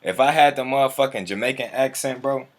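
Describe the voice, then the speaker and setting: A man hosts a casual livestream, speaking fairly quickly in a medium-pitched voice. He's laid-back, slangy, and profane, and he chuckles often.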